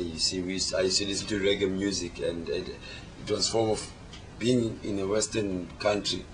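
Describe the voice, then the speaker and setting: Over clear background noise, a low-pitched man explains his beliefs in Rasta speech. He sounds devout and emphatic, circling back on phrases as a preacher would. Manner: emphatic, repeats words as he preaches. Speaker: Rastafarian interviewee. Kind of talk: explanatory religious interview talk. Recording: clearly noisy location recording.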